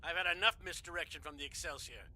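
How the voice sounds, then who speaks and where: A man's voice: fairly high pitch, fast, sharp tone. A man playing a hostile, self-important admiral with a scornful, barking manner in a science fiction audio drama. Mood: dismissive. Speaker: voice actor.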